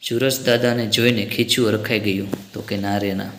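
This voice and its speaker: Lower-voiced male teacher in an echoey room. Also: flat delivery, moderate pace, a little hiss or hum. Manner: patient, step-by-step explaining to children. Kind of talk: workbook lesson explanation. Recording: roomy echo.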